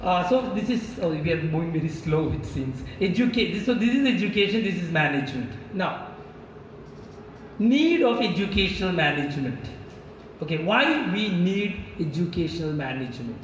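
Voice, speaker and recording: A visiting professor from Kerala, a Malayalam speaker with an Indian English accent, lectures a class and quizzes students, repeating key words. His high voice is sing-song at normal speed, and the echoey room and distant mic add a little hiss or hum.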